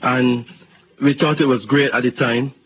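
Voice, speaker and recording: A man's voice: medium pitch, steady tone, measured pace, noisy background. A man from Barbados, a guest on a radio interview, who talks hesitantly and repeats words.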